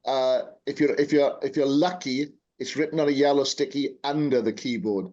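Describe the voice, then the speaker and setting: A man's voice: medium pitch, fairly even intonation, moderate pace, darkish tone. A man co-presenting a webinar, explaining technical points in a wry, joking way. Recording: slightly dull, muffled mic.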